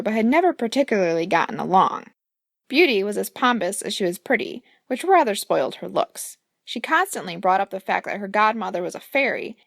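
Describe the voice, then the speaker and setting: A woman's voice: medium pitch, dry recording, studio quality. A woman, the author, reading her own fairy-tale audiobook, playful and speaking asides to the listener. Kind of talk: audiobook narration.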